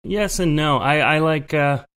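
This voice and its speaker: A man's voice: a little high, a little slow, a bit bright. A man in his thirties, a guest artist telling his story in a casual interview, laid-back and rambling with frequent laughs. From Canada.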